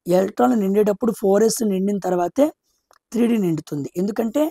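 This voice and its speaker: A woman teaching chemistry. She asks her own questions, answers them herself, counts aloud and slowly repeats key terms. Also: medium pitch, creaky, mellow, no room sound, studio quality. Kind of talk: explaining chemistry, drawing on a board.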